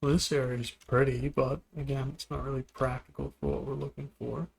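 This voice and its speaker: Gravelly-voiced man musing over gameplay. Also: mid-range voice, brisk, slight background noise. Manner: relaxed, musing, talks to objects in the game. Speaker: gameplay video host. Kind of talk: casual gameplay commentary.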